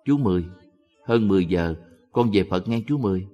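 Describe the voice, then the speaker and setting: A calm, peaceful woman in her thirties at the end of her life, read by a man. She speaks quietly and evenly in a very low voice, with long hall reverb around it. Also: a little fast, soft background music, lightly acted. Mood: serene.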